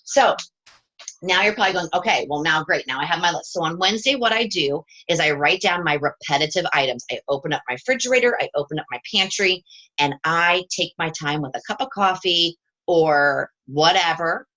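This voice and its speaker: A woman's voice: on the low side, expressive, normal speed, bright, forceful tone, highs cut off. A woman leading a live coaching chat with her team from home, upbeat and chatty and often checking in with "okay?".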